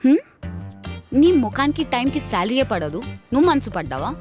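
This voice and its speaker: An actress playing a lazy, sarcastic office worker who answers everyone with wisecracks. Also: female voice, on the high side, very animated, a little fast, darkish tone, faint music behind. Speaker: office employee avoiding work. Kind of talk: web series acting.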